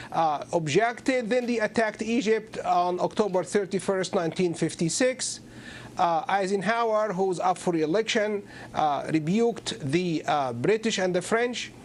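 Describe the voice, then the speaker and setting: A man speaking as a guest analyst in a televised panel debate, deliberate and pausing often with fillers. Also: high voice, slight background noise.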